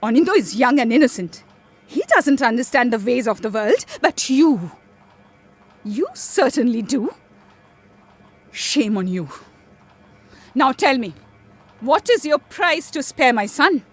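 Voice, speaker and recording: An actress playing a haughty, scornful, middle-aged wealthy matriarch in a radio drama. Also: female voice, a little high, very animated, measured pace, long pauses, slightly rough, soft background music, exaggerated voice. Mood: cold, threatening. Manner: imperious, scornful, commanding. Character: haughty, threatening wealthy family matriarch, mother of grown son.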